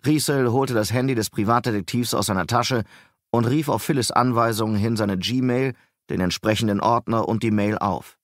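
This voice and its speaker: A man narrating a crime novel as an audiobook in a measured, even reading. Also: lowish voice, no echo, studio quality. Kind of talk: scripted narration.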